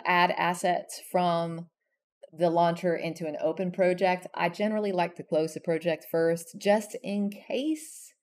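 A woman giving a relaxed, chatty screen-share software tutorial, talking through each step with frequent ums and self-corrections. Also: lowish voice.

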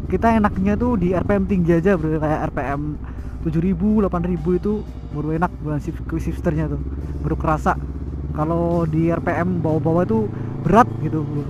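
A man's voice: on the high side, brisk, muffled recording. A young man vlogging casually while riding a motorcycle through city traffic, asking himself questions and answering them with slangy asides, recorded on a helmet mic. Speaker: motovlogger. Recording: helmet mic with loud engine and wind noise. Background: engine and traffic noise.

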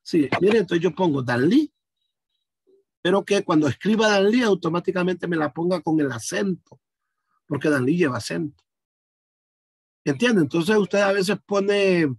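Husky-voiced man teaching an online class. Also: high-pitched, moderate pace, dry recording. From Honduras. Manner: patient, explanatory, addresses students directly. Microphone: video call.

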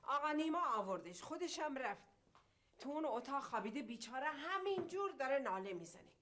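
An actress playing a chatty housekeeper who grumbles to herself, in a TV drama. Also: female voice, sits high, very animated, a bit bright, slight background noise. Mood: concerned. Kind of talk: TV drama acting.

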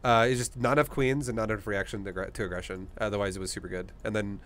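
Talking rapid-fire into a close microphone, this man in his thirties, a streamer who coaches gamers, offers casual, encouraging advice. His pitch sits fairly low, his intonation stays fairly even, and his tone is fairly bright against faint background noise.

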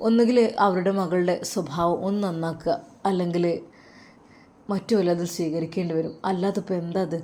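A woman's voice: fairly low pitch, fairly even intonation, brisk, close to an everyday voice. A woman playing a sorrowful young scholar son. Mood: troubled. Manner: soft, sorrowful, heartfelt. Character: troubled young male religious scholar, devoted son.

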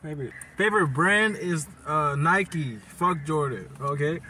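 Filming himself on a phone held out at arm's length, an eighteen-year-old man hosts a relaxed car vlog full of jokes and teasing. He speaks at a measured pace in a slightly high voice that sounds pushed and bright, with a faint hiss or hum in the audio.

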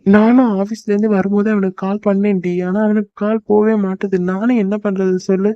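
Man as a fretful cartoon husband, quick mid-pitch patter, muffled lo-fi recording. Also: flat delivery, mellow, dry recording. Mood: calm. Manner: fast, scolding then soothing. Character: young husband, fretful but soothing.

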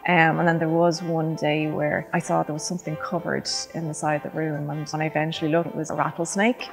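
A woman's voice: deep voice, little pitch movement, fairly quick, soft background music, low-quality recording. A woman in a documentary interview, telling stories about her partner in a wry, amused way.

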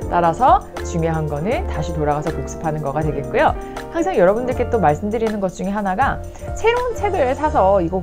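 A woman teaches English phrases in an online lesson. Her voice sits a little low but swings widely in pitch, and she stretches out her example sentences slowly and clearly. Soft music plays faintly underneath. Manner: frequent check-ins with the viewer.

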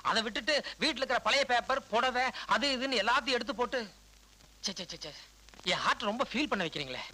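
Glib loan officer, film comedy-drama: high, quick, talkative, pleading. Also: male voice, expressive, pushed and bright, full character voice, rough recording. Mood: earnest, reproachful. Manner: talkative, pleading, mixes in English words. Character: glib, fussy bank loan field officer and husband.

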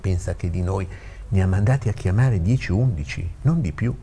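A man's voice: low-pitched, a little fast, warm tone, a little hiss or hum. A man voicing a cheerful elderly male lawyer with a jovial manner, in a read-aloud story.

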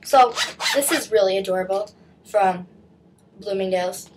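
A teenage vlogger with a cold chats casually about what she bought, restarting often and saying "like" constantly. She talks at a moderate pace in a mid-range voice from a small bedroom, picked up by her webcam at desk distance, with background noise present.

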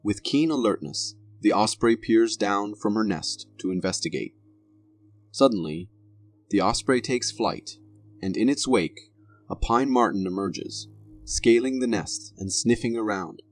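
A man's voice: fairly low pitch, unhurried, soft background music. A man reading scripted narration for a video compilation in a dramatic, formal manner.

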